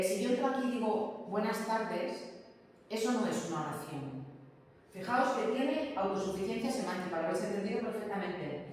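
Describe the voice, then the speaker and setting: A woman's voice: medium pitch, a little mellow. A woman giving a grammar lesson as a teacher, explaining patiently and checking in with her students with little "¿m?" tags. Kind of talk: grammar lecture. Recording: echoey room, distant mic, faint ambient noise.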